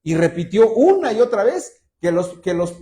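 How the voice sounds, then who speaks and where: A man with a Mexican accent preaching a sermon from a church pulpit, telling stories in an animated way and acting out quotes. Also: sits high, normal speed. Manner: animated storyteller, acts out quotes. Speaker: pastor.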